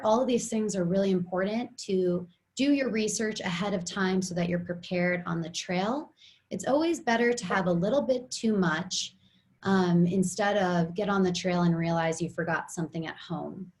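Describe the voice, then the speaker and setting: A young adult woman giving an upbeat, friendly webinar talk as a guest speaker, explaining things plainly. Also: mid-range voice. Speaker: guest speaker, outdoor gear designer. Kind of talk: webinar presentation.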